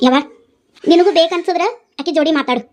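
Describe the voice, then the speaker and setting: A woman's voice: very high-pitched, fairly quick, a little mellow, slight background noise. A woman voicing a pregnant young wife in a cartoon, defending herself to her mother in a North Karnataka Kannada accent. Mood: defensive. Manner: defensive, pleading, explaining.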